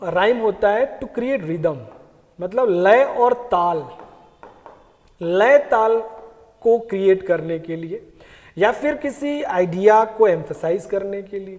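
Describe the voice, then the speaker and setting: High-voiced male teacher in reverberant room. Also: a little mellow. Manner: explains in Hindi mixed with English terms, repeats key words. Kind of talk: exam-prep lecture.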